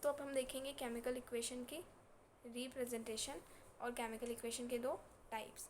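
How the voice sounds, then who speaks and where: A woman's voice: high-pitched, darkish tone, slight background noise. A woman science teacher lecturing in a casual, teasing and scolding way, repeating her points and mixing in terms. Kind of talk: classroom lecture.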